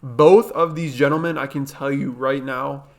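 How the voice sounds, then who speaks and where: Young dude rambling through reaction commentary, bit of gravel in his voice. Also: medium pitch, steady tone, moderate pace. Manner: chatty, repeats himself, lots of fillers. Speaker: reaction video host. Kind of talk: casual commentary.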